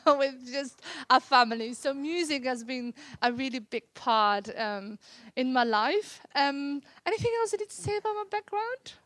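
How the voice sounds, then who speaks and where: A woman's voice: sits high, dry recording. A woman in her thirties from the Netherlands with a Dutch accent, earnestly sharing her faith testimony in casual conversation, with frequent fillers and restarts. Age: 30s.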